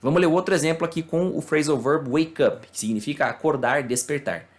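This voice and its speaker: A Brazilian man, a native Portuguese speaker, giving a casual online English lesson, explaining slowly and checking in with tag questions and fillers. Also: a little high. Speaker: English teacher.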